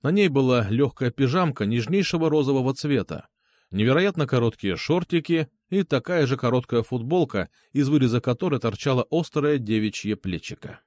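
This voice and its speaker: Wry male audiobook narrator, lively. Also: medium pitch, normal speed, dry recording. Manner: wry, ironic storytelling. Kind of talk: first-person fiction narration.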